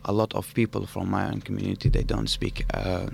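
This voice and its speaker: Fairly quick and level in tone, this man's low-ish voice carries vocal fry, with slight background noise. He is a student guest in a studio interview, a native Arabic speaker from an Arabic-speaking country who tells stories conversationally in accented, non-native English.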